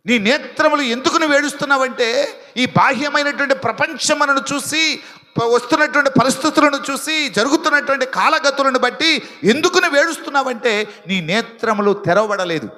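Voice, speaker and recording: A male pastor with a high, bright voice preaches to his congregation, hammering phrases over and over as he builds. His voice rings out with a long reverb trailing behind it in the hall. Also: fairly quick. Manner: preaching with rising intensity and repetition; teasing the congregation about sleeping. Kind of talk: sermon. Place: church hall with live congregation.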